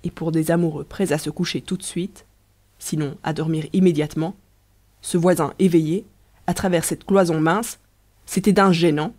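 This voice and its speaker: An audiobook narrator reading a story aloud in a measured, wry storytelling manner. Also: mid-range voice, fairly even intonation, darkish tone.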